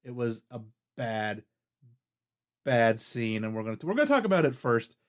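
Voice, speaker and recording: A man's voice: medium pitch, very animated, moderate pace. A man hosting a podcast in a casual chat, rambling along with lots of fillers and a keen, easygoing way of talking. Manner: rambling, full of "like" and "uh". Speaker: podcast host.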